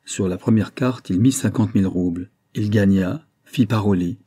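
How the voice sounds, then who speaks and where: A man narrating a classic novel as an audiobook in a steady, measured storytelling voice. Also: fairly low pitch, breathy edge, dry recording, clean studio sound.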